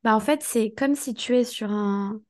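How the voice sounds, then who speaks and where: A hoarse woman who has partly lost her voice, co-hosting a casual motivational podcast and coaching the listener with emphatic, direct talk. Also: a little high, a little slow. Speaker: podcast co-host.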